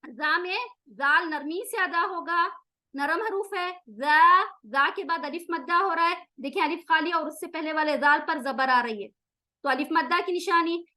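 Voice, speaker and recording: A woman teaching Quran recitation rules, explaining each rule and then chanting the words slowly to show them. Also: very high-pitched, bright, forceful tone. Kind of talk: tajweed lesson with slow recitation.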